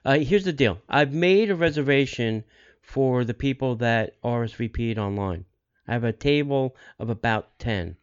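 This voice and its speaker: A man hosting a podcast, making casual announcements in a halting way and repeating details for listeners. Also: medium pitch, lively intonation, clean tone, dull audio. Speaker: podcast host.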